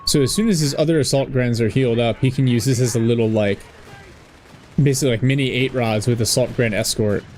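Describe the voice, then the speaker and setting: A man calls a strategy match in an easygoing, chatty commentary, laughing often. His pitch sits mid-range. Faint gunfire and battle sounds play beneath him. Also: brisk, a little mellow, a little hiss or hum. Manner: laughs often, drops into a mock German voice. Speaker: game caster. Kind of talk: casual game commentary.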